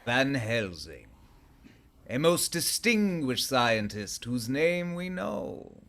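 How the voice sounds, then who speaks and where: An actor playing a suave, courtly Transylvanian vampire count in a radio play, speaking with formal, ornate politeness. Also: male voice, mid-range voice, very animated, slow, fairly bright tone, full character voice. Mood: smooth courtesy. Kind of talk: theatrical radio play acting.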